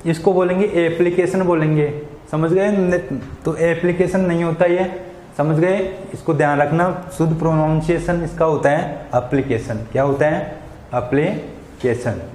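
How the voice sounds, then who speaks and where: In a school classroom, a man explains English to Hindi speakers, repeating questions and answering them himself and often checking "got it?" with frequent "samajh gaye". His voice is on the high side, fairly even, moderate in pace and darkish, sounding reverberant in a large hall with a little hiss or hum.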